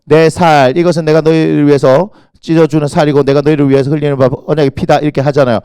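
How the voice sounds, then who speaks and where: Fast-talking, high-voiced pastor. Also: male voice, smooth, dry recording, studio quality. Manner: animated storytelling, acts out quoted voices and shouts. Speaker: senior pastor. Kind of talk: lively sermon. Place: church sanctuary.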